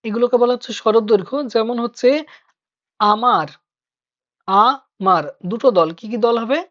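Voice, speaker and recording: A woman's voice: a little high, fairly quick. A woman teacher in an online class, explaining step by step and asking her students questions. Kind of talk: online Bengali grammar class. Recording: dull lo-fi online class audio.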